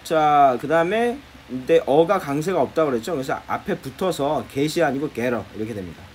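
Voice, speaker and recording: A man's voice: fairly high pitch, expressive, moderate pace, darkish tone, slight background noise. A man teaching English phrases in Korean, explaining patiently and repeating key phrases for his students.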